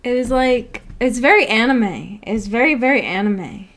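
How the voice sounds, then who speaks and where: Expressive and a bit bright, her fairly high voice keeps a moderate pace as she runs a book club chat on stream. Reading and answering comments in an upstairs room at home, the woman rambles and corrects herself now and then.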